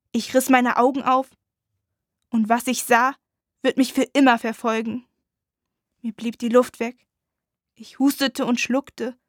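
A woman narrates a dramatic audiobook in a slow, hushed, intense reading. Her voice is high and bright. The recording is close and dry, with no room sound. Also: no room sound.

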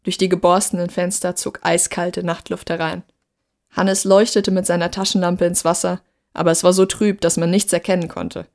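Woman reading a story out loud, slightly low voice, steady and even. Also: moderate pace. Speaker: narrator. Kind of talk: scripted story narration.

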